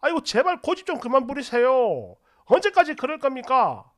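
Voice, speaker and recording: Man playing an exasperated middle-aged son, heated, pleading, high voice, lively, storybook radio. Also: normal speed, exaggerated voice.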